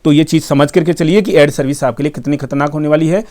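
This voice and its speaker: A man's voice: on the high side, fairly even intonation, fast, darkish tone. A man giving a casual explainer monologue, emphatic, repeating points and answering his own questions. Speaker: tech explainer YouTuber.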